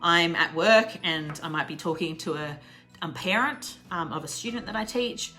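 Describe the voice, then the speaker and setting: An Australian woman giving a casual online English lesson, chatty and laughing often, slowing down to repeat example phrases. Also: fairly low pitch, pushed and bright. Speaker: English teacher.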